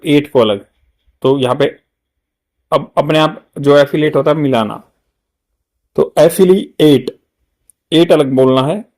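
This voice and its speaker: A man with an Indian accent teaching English grammar for exam prep, repeating words slowly to drill pronunciation. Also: fairly high pitch, darkish tone.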